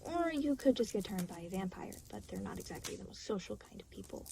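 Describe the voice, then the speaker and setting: In an intimate scripted audio roleplay addressed to the listener, a woman plays an aloof, weary demon guide who is reluctant to help. She explains things dryly and matter-of-factly, with some hesitation, in a fast, sing-song, mid-range voice over background noise.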